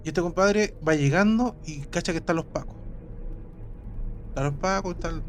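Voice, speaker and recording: A man's voice: on the high side, normal speed, slight background noise. A man with a Chilean accent telling a story in a casual chat, rambling and repeating his words. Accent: Chilean Spanish.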